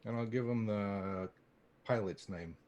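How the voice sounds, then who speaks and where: A man at a tabletop role-playing game, speaking as a player. His voice sits a little low, and he improvises his dialogue with wry, halting phrasing. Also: a little mellow, dull audio. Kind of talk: improvised in-character table talk.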